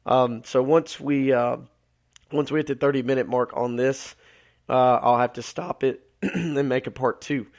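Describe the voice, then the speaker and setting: Guy hosting his podcast alone, voice going raspy and tired, rambles with lots of uhs, gravelly. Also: medium pitch. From Alabama. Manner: rambling with many filler words. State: losing his voice. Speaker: podcast host. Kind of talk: solo live podcast talk.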